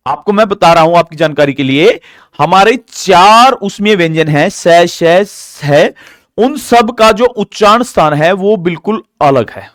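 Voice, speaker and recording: A man's voice: no echo, studio quality. A man teaching a live online grammar lesson, explaining step by step and asking questions that he answers himself. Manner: asks questions and answers them himself, drilling; slow, deliberate explaining with an animated pitch.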